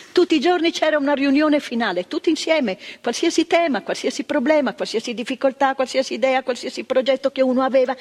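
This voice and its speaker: An older actress with a high voice delivers a theatre monologue as a retired psychiatric worker who is proud, impassioned and reflective. She speaks emphatically in a reflective mood, repeating herself and making asides to the listener. The stage recording carries a long reverb.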